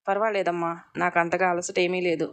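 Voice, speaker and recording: Gentle, fond older mother-in-law in a storybook, read by a woman; low, level voice. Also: little pitch movement, a little fast, clear, resonant tone, close to an everyday voice. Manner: gentle and affectionate.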